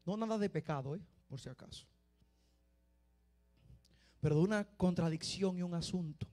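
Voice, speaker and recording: A man preaching a sermon, dropping to quiet confiding talk and rising to loud shouted exhortation. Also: sits high, normal speed, faint music behind.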